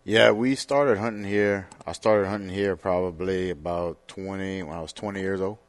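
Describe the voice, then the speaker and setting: A man, a podcast guest talking in a relaxed way, halting with many fillers. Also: low voice. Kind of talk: casual interview talk.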